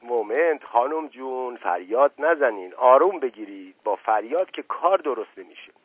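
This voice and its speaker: A man's voice: mid-range voice, lively intonation, breathy edge, dry recording. A man voicing a middle-aged nobleman who talks in a soothing, coaxing way. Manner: soothing, coaxing, sharp when crossed. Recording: tinny phone-like, dry.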